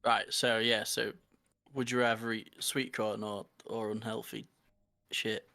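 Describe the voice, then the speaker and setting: A man's voice: on the low side, level tone, a little slow, vocal fry, bright, forceful tone. A man co-hosting a podcast in casual chat, dryly reading out a listener question. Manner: dry, reads out listener questions. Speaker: podcast co-host.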